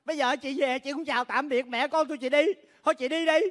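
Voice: high voice, fairly even intonation, a bit bright. A performer playing a scolding younger sibling, in a live stage comedy skit. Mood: indignant. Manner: scolding, rapid reproach.

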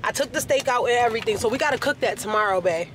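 A man's voice: very high-pitched, expressive, rapid-fire. A man vlogging in a car, chatting casually and animatedly to his viewers. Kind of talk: casual chat to camera. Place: inside a car. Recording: car noise behind.

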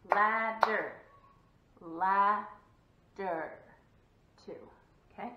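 A woman's voice: mid-range voice, slight background noise. A woman teacher giving a video lesson to young children, encouraging and sing-song, clapping out syllables. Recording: echoey room, dull lo-fi sound.

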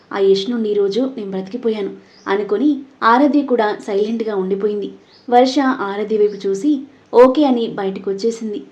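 A woman narrating a scripted audio story in a steady, even way. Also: mid-range voice. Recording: dull lo-fi audio.

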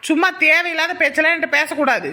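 A woman's voice: sits high, quick pace, sharp tone, exaggerated voice. A woman playing a determined young mother who firmly insists on going to work. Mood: defiant. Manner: firm, defiant. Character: determined young mother set on getting a job.

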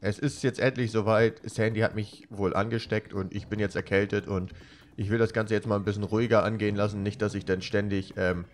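A German let's play commentator with a cold chats casually about his gameplay, rambling and joking, and he gets loud and jokey whenever he panics. His voice is on the low side, level in tone and brisk.

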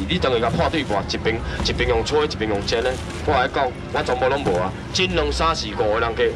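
A man in his thirties with a Taiwanese accent, auctioning seafood at an outdoor night market stall, hawking loudly and shouting out prices. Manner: loud rapid hawking, jumps to high shouts on prices. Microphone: far camera. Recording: distant mic, loud crowd and traffic noise.

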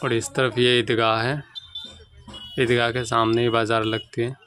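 A man's voice: medium pitch, level tone, measured pace, a bit bright, soft background music, low-quality recording. A young man filming a casual vlog on a phone held at arm's length, guiding viewers around his shop and a village market. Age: young adult. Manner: chatty guide, points things out to viewers. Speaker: vlogger.

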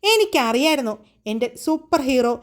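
A woman's voice: high voice, very animated, normal speed. A woman voicing a cheeky, playful young woman who whines and jokes in a storybook tale. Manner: playful, whiny.

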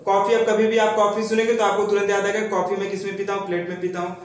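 A man's voice: sits high, completely flat delivery, fast talker, a little hiss or hum. Echoey man teaching a lesson. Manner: repeats questions and answers them himself. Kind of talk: mnemonic lesson for students. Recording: very echoey room, mic far off.

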